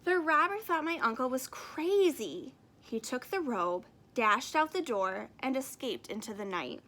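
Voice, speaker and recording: High-pitched, animated woman reading a storybook. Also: unhurried. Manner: expressive storytelling. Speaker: storybook reader. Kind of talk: children's picture book read-aloud.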